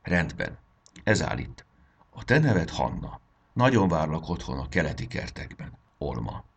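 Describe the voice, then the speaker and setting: A man voicing a kind, wise fairy queen in a children's storybook, speaking gently and reassuringly. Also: rumbling low, big pitch swings, vocal fry, breathy edge, heavily acted. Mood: calm.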